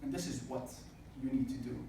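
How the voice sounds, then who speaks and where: A man in his twenties addresses a student business event with a sincere, motivational speech, punctuated by frequent "uh"s. He speaks at medium pitch in a level tone, a bit fast. The hall audio is noisy, echoey, and distant.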